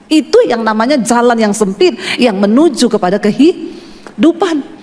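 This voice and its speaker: A woman from Sulawesi preaches a sermon in a bright, high voice. She tells stories in a chatty way and puts questions to the congregation. The sound carries a long hall reverb. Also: animated, moderate pace. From Sulawesi, Indonesia.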